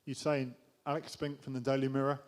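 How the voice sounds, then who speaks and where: Flat-voiced man reporter. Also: mid-range voice, fairly quick, slight background noise. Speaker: journalist. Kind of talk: asking a press question.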